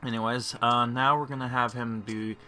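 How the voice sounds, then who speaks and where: A man's voice: mid-range voice, fairly even intonation, normal speed, music in the background. A man hosting a gameplay video with casual commentary.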